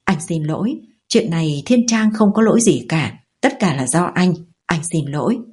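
A man's voice: a little high, expressive, moderate pace, darkish tone, husky. A woman voicing an articulate, educated older brother who speaks in a mocking way. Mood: apologetic. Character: educated older brother, contemptuous, later contrite.

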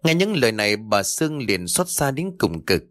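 A man narrating a ghost story in a steady, measured storytelling voice. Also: fairly low pitch, no room sound, faint music behind.

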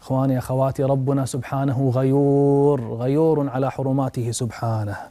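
Here a preacher's warm, medium-pitched voice moves a little fast with little variation in pitch as he gives a religious talk. He narrates with passion, letting his voice jump at dramatic moments, and calls his listeners brothers and sisters.

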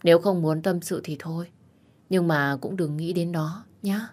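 A woman voicing a worried, protective young female best friend who fusses and scolds gently in an audio story. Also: on the low side, fairly even intonation, moderate pace, close to an everyday voice. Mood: caring. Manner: fussing, scolding, caring.

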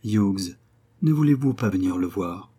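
A man's voice: low-pitched, animated, a little slow, mellow, slightly rough, full character voice. A man reading aloud and voicing a grieving young wife who pleads tearfully with her husband. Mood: pleading.

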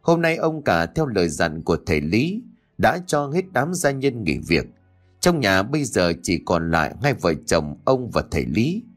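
A man tells a ghost story in a very low voice. His delivery moves a lot, lifting and dropping to build suspense, with faint music in the background. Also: very animated, moderate pace. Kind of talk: dramatic ghost-story narration.

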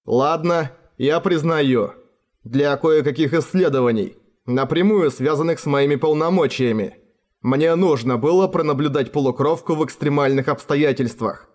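A man's voice: a little high, normal speed, darkish tone, lightly acted. A man voicing a sardonic official who speaks with cool, mocking sarcasm. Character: sardonic, unflappable male official, a consul.

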